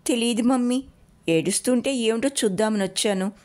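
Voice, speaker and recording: A woman's voice: fairly high pitch, sing-song, moderate pace, a little mellow, voice pushed up. A timid little boy from a storybook, played by a woman reader, his voice lifted well above her own. He asks hesitant, wondering questions. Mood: scared. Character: timid, innocent young boy.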